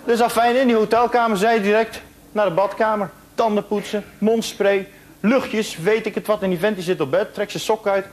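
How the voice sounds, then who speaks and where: A man with a high voice telling jokes on a TV stage with dry humor. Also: fairly even intonation, moderate pace, a faint crowd, a little hiss or hum. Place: television studio with an audience.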